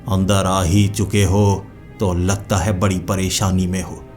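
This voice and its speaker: A man narrating a horror story who voices a sly middle-aged male vampire lord with a calm, questioning, slightly mocking manner. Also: low voice, slow pace, faint music behind.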